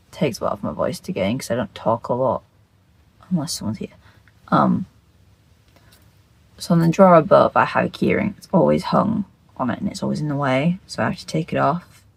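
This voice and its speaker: Here a makeup video creator rambles to camera in a croaky, freshly woken voice, swearing, losing her thread and repeating herself. Her voice is mid-range, the recording is rough, and there's no room sound.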